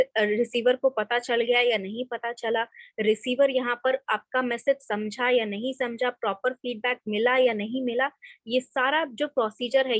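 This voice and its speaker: A woman's voice: a little high, no echo, highs cut off. Woman lecturing an online class. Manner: explains in Hindi mixed with English, often adds "theek hai". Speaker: college lecturer. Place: home or office desk, online class. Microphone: computer mic, screen share.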